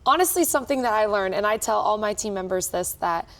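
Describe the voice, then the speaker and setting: A woman's voice: mid-range voice, animated, fast talker. A young adult woman giving casual interview answers as a cruise director, with an upbeat, enthusiastic manner.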